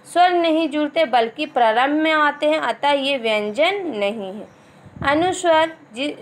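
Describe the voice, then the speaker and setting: A woman teacher explaining a grammar lesson step by step, repeating key terms and slowing down on each example word. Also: high-pitched. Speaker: school teacher.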